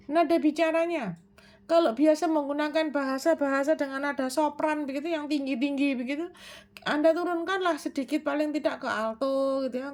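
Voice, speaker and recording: A woman with a high-pitched voice talks viewers through self-improvement advice. She is measured and explanatory, asking questions aloud and answering them herself, with frequent hesitation fillers. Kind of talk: explanatory self-help talk.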